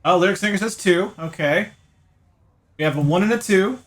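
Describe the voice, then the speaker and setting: A man hosts a livestream playthrough of a visual novel, chatting playfully with viewers and addressing chat members by name. His voice is high-pitched and a bit bright, at a moderate pace, with game music playing behind him.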